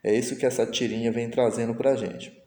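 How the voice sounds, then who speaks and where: Male teacher, patient step-by-step explaining, dark mellow tone, roomy echo. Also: medium pitch, level tone, a little fast. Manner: patient, explains step by step, answers his own pretend student questions. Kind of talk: recorded online lesson. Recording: echoey room with long reverb.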